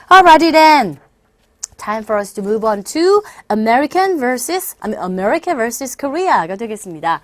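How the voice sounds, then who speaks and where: A woman's voice: on the high side, dry recording. A middle-aged woman teaching an English lesson in a chatty, encouraging way, drilling pronunciation with her listeners.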